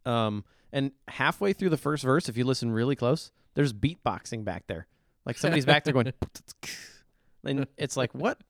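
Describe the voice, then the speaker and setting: A man's voice: medium pitch, lively intonation, moderate pace, no room sound, clean studio sound. A middle-aged man co-hosting a podcast, giving blunt, opinionated song reviews in casual chat. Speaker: podcast co-host reviewing songs.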